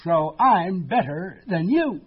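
A man's voice: high-pitched, big pitch swings, slow, breathy edge, highs cut off, pitched above the performer's own voice, full character voice. A man voicing a boastful male rabbit who shows off about his hearing in a storybook reading. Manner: bragging, showy.

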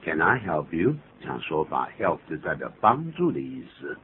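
A man with a deep bass voice and moderate pace explains English phrases on his radio lesson, keeping it chatty and full of jokes. He's lively and laughs at the examples he gives; the audio is tinny and phone-like, with light hiss.

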